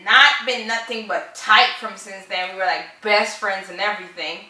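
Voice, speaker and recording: A woman's voice: mid-range voice, fairly even intonation, moderate pace, sharp tone. A woman in her thirties from Guyana with a Guyanese accent, casually telling a story on a vlog with playful, teasing remarks. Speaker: vlog co-host. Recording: echoey room, mic at a distance.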